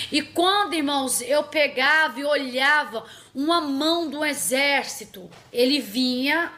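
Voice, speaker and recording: A woman's voice: high voice, fairly bright tone. A middle-aged woman, telling a prophetic dream as a testimony, repeating herself and calling her listeners "irmãos" again and again. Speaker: preacher.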